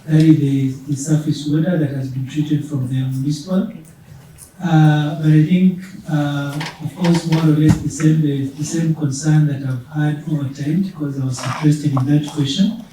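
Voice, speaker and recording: A man's voice: on the high side, steady tone, moderate pace, warm tone. A man speaking up in a workshop discussion, hesitant with frequent fillers. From Kenya. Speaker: workshop participant. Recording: echoey room, distant mic, faint hum.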